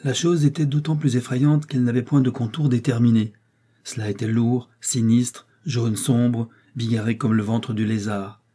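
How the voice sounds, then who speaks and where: A man narrating a novel in a slow, dramatic, carefully measured delivery. His voice is dark and mellow, with a husky, slightly veiled edge. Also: medium pitch, fairly even intonation. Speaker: audiobook narrator.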